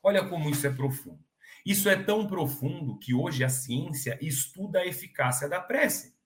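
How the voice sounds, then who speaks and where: A man's voice: on the high side, expressive, normal speed, roomy sound. A man giving earnest, informal religious teaching on a talk program, with joking asides. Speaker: spiritist program speaker.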